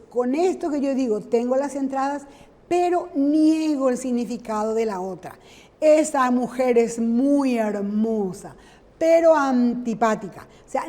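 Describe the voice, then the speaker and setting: A woman teacher, giving a grammar lesson in a slow, deliberate way and checking in with her class. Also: on the high side, warm tone, big-room sound.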